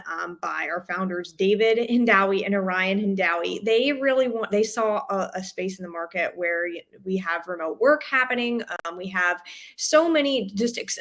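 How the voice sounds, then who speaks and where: A woman recruiter gives an upbeat, informal company pitch, halting and loosely scripted, over a video call. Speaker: university recruiter.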